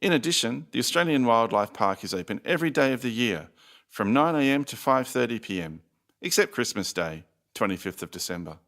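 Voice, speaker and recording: A man playing the announcer on a recorded phone message, giving scripted visitor information in a measured, formal, promotional way. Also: mid-range voice, expressive, a bit bright. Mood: courteous, informative.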